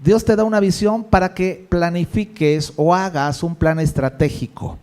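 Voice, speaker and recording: A male pastor preaching a sermon in a lively, conversational way, with jokes and rhetorical questions. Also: high voice, normal speed, clear, resonant tone.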